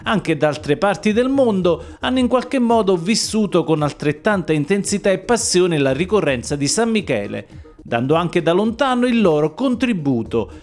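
A man narrates a news report from a script. His voice sits high for a man and moves animatedly up and down as he reads. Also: sing-song, normal speed, darkish tone.

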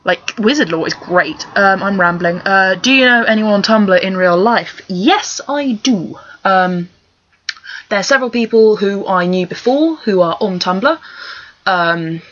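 Unhurried and animated, with a mid-range, somewhat bright voice, a young woman from Surrey in England chats wryly and swears freely while tackling accent challenge questions. The posh Home Counties vlogger records indoors in a small bedroom, and her laptop webcam at desk distance yields muffled lo-fi audio.

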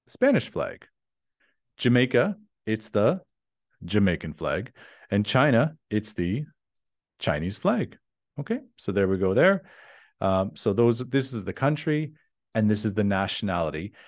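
A male English teacher talks his class through a lesson in a relaxed, encouraging way. His lowish voice moves up and down freely as he models each sentence, and the sound is close and dry. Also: dry recording. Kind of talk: online class lecture.

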